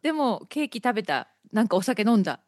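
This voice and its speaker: A woman's voice: on the high side, very animated, quick pace, a little mellow, no echo, clean studio sound. A woman co-hosting a podcast in casual chat, bubbly and teasing, laughing often. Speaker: podcast co-host.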